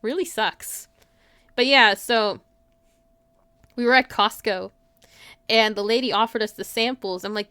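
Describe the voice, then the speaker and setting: This livestream host has a mid-range, slightly bright, smooth voice, recorded with no room sound. She chats casually and giggles with her viewers, keeping it informal and saying "like" a lot.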